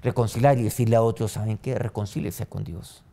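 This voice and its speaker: A man pastor preaching a sermon and leading a prayer, his voice swinging from loud rising lines to soft low ones. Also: steady tone, a little fast, creaky. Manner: preaching with sudden rises and soft drops.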